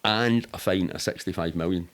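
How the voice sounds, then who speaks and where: A middle-aged Glasgow-area Scot appears as a podcast guest, casually recounting anecdotes with animation. He swears, speaks colloquially and acts out what people said, in a low-pitched voice at a moderate pace.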